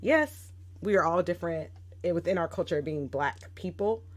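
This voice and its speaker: A woman's voice: on the low side, normal speed. A woman in her thirties, a guest educator, telling stories on a casual podcast in a reflective way. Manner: reflective, animated when quoting others.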